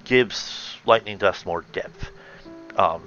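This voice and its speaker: A man reading fan fiction aloud and stopping often to comment, thoughtful and halting with many fillers and self-corrections. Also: sits low, sharp tone, muffled recording, faint music behind. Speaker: reader and reviewer of fan fiction.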